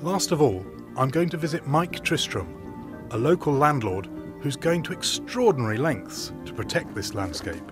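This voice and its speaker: A man's voice: on the high side, very animated, moderate pace, music in the background. A man presenting a documentary walking tour, narrating and interviewing with marvelling enthusiasm on open downland. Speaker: landscape archaeologist presenter.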